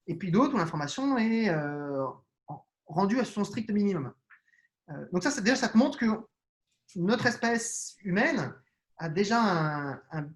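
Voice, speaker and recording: A man with children answering interview questions on neuroscience, explaining patiently with frequent restarts and hesitations. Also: high voice. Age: adult with children. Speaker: neuroscience guest.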